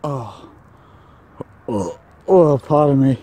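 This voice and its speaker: A man's voice: mid-range voice, lively intonation, extremely slow, mellow. A man filming a ghost-hunting vlog outdoors by a tunnel, talking nervously to his handheld camera with jumpy exclamations. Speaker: vlogger. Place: outdoors near a tunnel and field.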